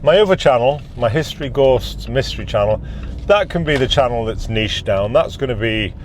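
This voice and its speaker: A middle-aged British YouTube vlogger gives a casual, candid car chat to camera, recorded on a phone in the windscreen holder. His mid-range voice has lively intonation at a normal speed, with slight background noise. He rambles a little and sounds slightly funny, his mouth still numb from dental anesthetic.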